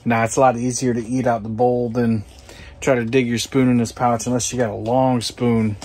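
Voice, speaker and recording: Relaxed, chatty man camping on a boat. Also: mid-range voice, moderate pace. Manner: relaxed, chatty, many "uh" fillers. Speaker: outdoor vlogger. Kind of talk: casual camping vlog talk. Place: enclosed pontoon boat on the water, outdoors.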